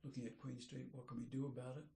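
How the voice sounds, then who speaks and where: Older aussie guy rambling about old times, mellow low-key voice, echoey room. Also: level tone, fast talker, gravelly, a little hiss or hum. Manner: rambling, searching for names. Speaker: architect interviewee. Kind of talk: reminiscing interview.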